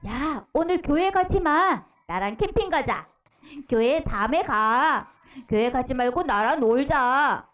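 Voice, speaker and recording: A woman's voice: high voice, animated, takes it slowly, fairly bright tone, full character voice. Coaxing little kid friend, as a woman puts him on. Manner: coaxing, playful. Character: tempting young child friend. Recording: dull recording with faint music.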